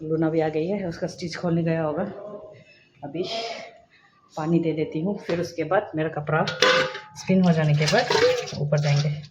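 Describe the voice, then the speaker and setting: Chatty young mom, lo-fi phone audio. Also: female voice, low-pitched, steady tone, normal speed, pauses often. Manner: chatty, mixing Hindi with English phrases. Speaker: stay-at-home mom vlogger. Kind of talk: casual vlog narration. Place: home, moving between rooms. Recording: dull lo-fi phone audio with clear household noise.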